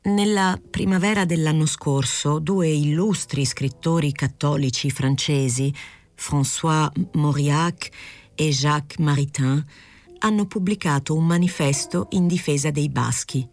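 A woman's voice: sits low, unhurried, a little mellow, no room sound. A woman reading aloud, voicing an outspoken, indignant male priest who scolds and lectures, in a dry, close storybook reading. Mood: grave.

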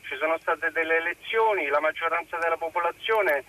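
A man phones in to a radio programme, his voice coming over the call line. He talks with a formal, earnest politeness, often hesitating with fillers. His tone sits a little high and sounds bright and forward. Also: fairly quick. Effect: voice heard over a phone line on a radio call-in.

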